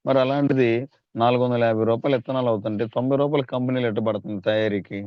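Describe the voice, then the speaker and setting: A man's voice: medium pitch, fairly even intonation, rapid-fire, no room sound, lo-fi sound. A man giving a persuasive sales training talk, calling on his listeners and asking rhetorical questions. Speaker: network marketing trainer.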